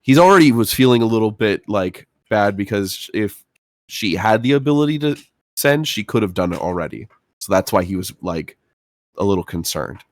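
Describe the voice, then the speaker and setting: A man talking casually as a player in a tabletop role-playing game, explaining things thoughtfully and haltingly. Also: on the low side, animated, no echo, clean studio sound.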